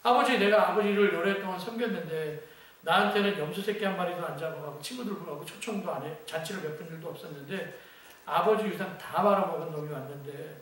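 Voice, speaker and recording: A man's voice: high voice, fast talker, a bit bright, slight background noise. A man voicing a resentful grown older son who complains with indignation. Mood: aggrieved. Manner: aggrieved complaining. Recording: very echoey church hall, distant mic.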